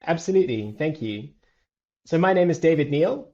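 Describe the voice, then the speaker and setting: A man's voice: a little high, expressive, moderate pace, darkish tone, dull audio. A man from the UK introducing himself as a guest researcher, polite and articulate. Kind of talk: self-introduction in interview.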